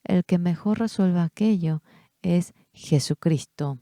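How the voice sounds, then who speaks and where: A man preaching a sermon, reading scripture aloud and pushing his voice up high for emphasis. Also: slow, mellow, dry recording. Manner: preaches with sudden high-pitched emphatic bursts.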